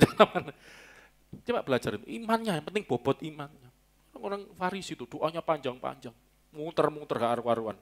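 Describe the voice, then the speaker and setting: A male pastor delivers a sermon in an easygoing, joking manner. His voice sits a little high for a man, and he sometimes bursts into loud, playful mock prayers. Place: church hall.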